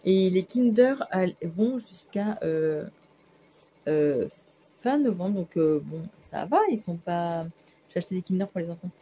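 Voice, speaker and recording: A woman's voice: lowish voice, expressive, unhurried, warm tone, slight background noise. A woman vlogging at home in the evening, chatty and rambling with fillers. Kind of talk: casual vlog.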